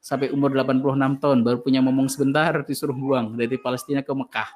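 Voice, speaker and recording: A man, an ustaz giving a religious lecture to an online study group and answering listeners' questions in an animated storytelling way. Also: mid-range voice, rapid-fire, slight background noise.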